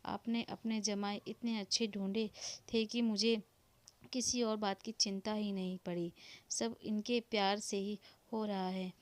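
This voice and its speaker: A woman reading as a gentle, steady husband who calmly comforts his family in a spoken story. The voice is clean and clear, with a dry, close sound. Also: mid-range voice, measured pace, dry recording, close to an everyday voice. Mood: consoling. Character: gentle, consoling working-class husband.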